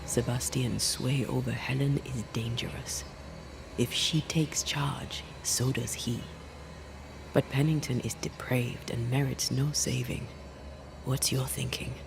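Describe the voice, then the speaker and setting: An actor playing a blunt, watchful companion giving wary counsel in a video game, speaking deliberately. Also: male voice, medium pitch, steady tone, creaky, background noise. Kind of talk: dramatic video game acting.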